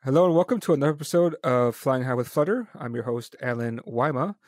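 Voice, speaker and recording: A man's voice: medium pitch, fast talker, a little mellow, no echo, clean studio sound. A man hosting a casual live-stream interview, joking and chatty. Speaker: podcast host.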